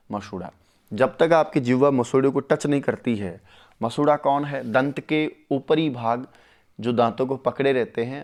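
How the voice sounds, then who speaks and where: A man runs a live online Sanskrit lesson for exam takers, speaking close to the mic. He talks with eager warmth toward his students. He drags out each grammar rule syllable by syllable so the class can follow. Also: medium pitch. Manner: enthusiastic, addresses viewers as friends, slows to spell out sutras. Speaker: Sanskrit teacher.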